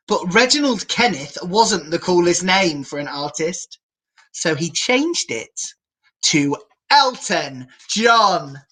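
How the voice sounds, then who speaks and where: A drag queen working as a children's storyteller reads a picture book aloud in a theatrical, playful, self-mocking way, turning aside now and then to address viewers. Her voice sits on the low side and is slightly bright, and the recording is rough.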